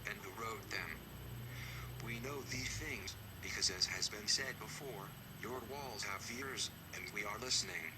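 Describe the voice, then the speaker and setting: Disguised deep male voice, cold and accusing. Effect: disguised deep synthetic-sounding voice. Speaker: anonymous spokesman. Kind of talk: scripted recorded statement. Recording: noisy recording.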